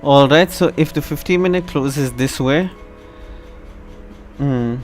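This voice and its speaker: A man from India casually commenting on a live stream, chatting to his viewers in a relaxed way. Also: fairly high pitch, slow pace, faint music behind. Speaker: live trading stream host.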